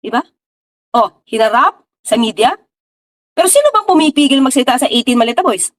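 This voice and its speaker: A woman's voice: high-pitched, big pitch swings, a little fast. A woman giving casual political commentary, talking straight to her viewers with rhetorical questions and English mixed in. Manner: mixes English into her talk.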